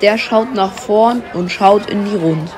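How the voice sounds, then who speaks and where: A woman narrating a ballad as a measured, declamatory dramatic recitation. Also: medium pitch, a little mellow, some chatter behind. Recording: music under the voice.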